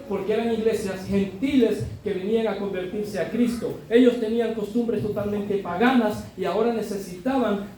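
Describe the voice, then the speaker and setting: Recorded from afar in an echoing church hall with faint ambient noise, a man with a high voice preaches a sermon. He talks conversationally, often adding tag questions, and works up to loud, emphatic exhortation.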